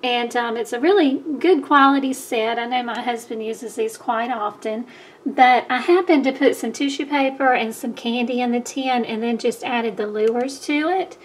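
Middle-aged Southern woman, hoarse, losing her voice, chatty gift-craft host, slightly high voice. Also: normal speed. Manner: chatty, many fillers. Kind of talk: casual crafting tutorial.

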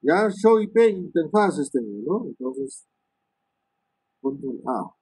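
A male networking instructor talks students through switch commands, thinking aloud, tagging lines with "¿no?" and filling pauses with "este". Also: high-pitched, very animated, vocal fry, a little mellow, breathy edge, no echo, rough recording. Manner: many "este" fillers and restarts. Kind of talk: live screen-share lesson on switch commands.

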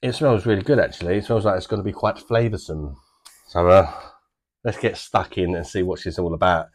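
Speaking a little quickly, a deep-voiced British beer reviewer in his thirties casually talks through a tasting to camera. His relaxed, talkative delivery wanders through fillers and vague descriptions, recorded close in a compact home bar.

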